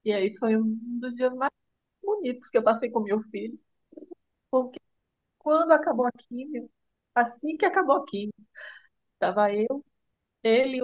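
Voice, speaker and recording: A middle-aged woman with a Brazilian Portuguese accent, telling her son's illness story in a tender, halting way with many restarts. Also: a little high, no room sound, lo-fi sound. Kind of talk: emotional personal storytelling.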